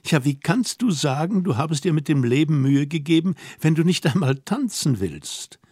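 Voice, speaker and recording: A man's voice: fairly high pitch, animated, darkish tone, breathy edge, no room sound, studio quality. A man voicing a teasing, bossy young woman. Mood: scolding. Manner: mocking, commanding, brisk questions. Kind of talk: audiobook dialogue.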